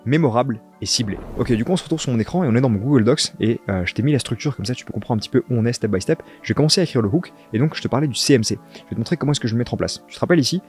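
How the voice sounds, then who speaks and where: Man, copywriter, casual tutorial, slangy and direct, very rapid delivery, middle pitch. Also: animated, a little mellow, soft background music. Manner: informal, slangy, talks directly to the viewer. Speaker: copywriter teaching ad scripting.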